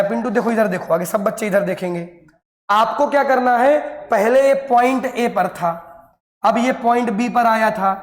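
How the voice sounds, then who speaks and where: A male teacher giving a lesson, coaxing his students and answering his own questions. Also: high voice. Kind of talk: classroom lesson. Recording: echoey, reverberant room.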